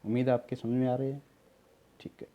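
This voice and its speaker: A male tutor patiently teaches spelling, explaining and repeating words, spelling them out letter by letter, and calling his students "beta." His voice is medium-pitched and warm with little pitch movement, he speaks fairly quickly, and the audio is lo-fi.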